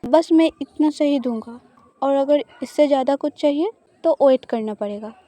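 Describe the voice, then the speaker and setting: Woman doing a shy flustered girlfriend, high mellow voice, audio love story. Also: moderate pace, no room sound, natural voice.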